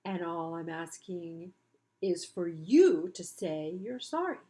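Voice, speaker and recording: Storybook spider: a woman voicing a proud, stubborn female spider who talks slow and low and won't budge, with a mid-range voice. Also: animated, lightly acted. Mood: insistent. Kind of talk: read-aloud storybook voice.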